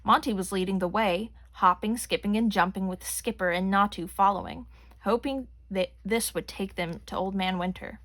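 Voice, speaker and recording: A woman reading a children's story aloud with gentle, clear storytelling. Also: medium pitch, normal speed. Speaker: reader. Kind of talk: children's read-aloud narration.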